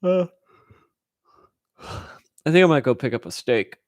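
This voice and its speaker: Rambling informally while he mulls things over, a Californian man fields viewer questions in a laid-back Q&A. His voice runs on the high side, expressive and slow-paced, with no room sound.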